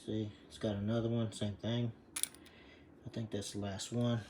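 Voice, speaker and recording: A man's voice: on the low side, flat delivery, moderate pace, noisy background. A man explaining a bike repair in a casual, rambling way, full of fillers, breathing hard from leaning over. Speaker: bike mechanic demonstrating a repair. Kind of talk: casual how-to video.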